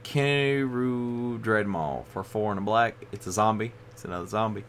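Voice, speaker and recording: A man's voice: on the low side, normal speed, fairly bright tone, a little hiss or hum. A man hosting a casual card review video, tired and yawning as he rambles along with frequent fillers. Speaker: card game video host.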